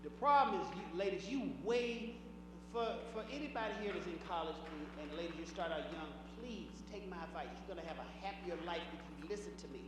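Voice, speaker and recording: A man doing stand-up comedy, animated, acting out voices and shouting punchlines. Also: sits high, fairly quick. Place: large hall before a live audience. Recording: echoey hall recording from far off, noisy.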